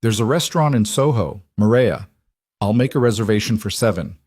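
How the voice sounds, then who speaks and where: A man doing a calm, firm crime boss. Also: lowish voice, fairly quick, no echo, clean studio sound. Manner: calm, gentle but firm.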